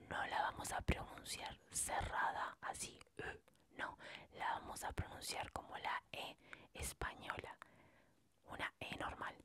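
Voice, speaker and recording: A French teacher whispers softly through an ASMR language lesson. She is slow and patient, spelling out words one letter at a time.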